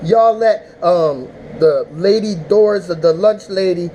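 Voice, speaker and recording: A man casually recapping a rap battle, rambling and animated, with mock-emotional outbursts. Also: high voice, unhurried, a little hiss or hum, low-quality recording. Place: indoors, smoking while talking.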